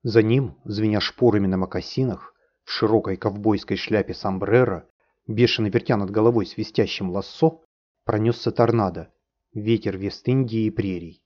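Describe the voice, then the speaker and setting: Brief: male narrator, fairy-tale audiobook, low voice, dull lo-fi recording. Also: moderate pace. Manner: theatrical, vivid reading.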